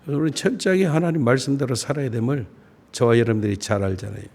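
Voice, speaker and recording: A middle-aged man preaching a sermon as a pastor, folksy and self-deprecating, with slow deliberate phrasing that rises on key words. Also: medium pitch, darkish tone. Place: church sanctuary.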